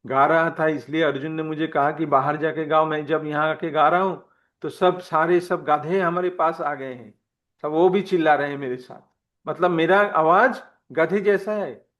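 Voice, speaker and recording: A man's voice: on the high side, fairly even intonation, moderate pace, a bit bright, lightly acted. A man voicing a sulking mighty warrior. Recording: dull lo-fi recording.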